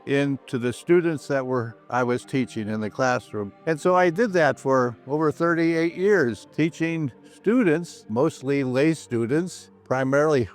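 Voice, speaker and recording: A man's voice: medium pitch, unhurried, hardly any pauses, soft background music. An older man, a priest and professor, giving a reflective, plain-spoken personal testimony, repeating phrases for emphasis.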